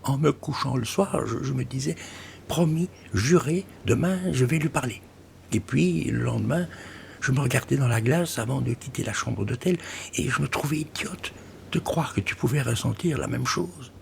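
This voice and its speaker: A man voicing a shy, excitable young woman flutist who talks breathlessly and often drops to a whisper in this audiobook. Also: mid-range voice, moderate pace, gravelly, slight background noise, pitched above the performer's own voice. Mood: wistful.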